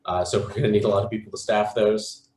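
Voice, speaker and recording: A man's voice: lowish voice, fairly even intonation, quick pace, darkish tone, reverberant, poor audio. A man speaking as a campaign representative on a video call, rambling and hesitant with many fillers. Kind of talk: casual spoken pitch at an online forum.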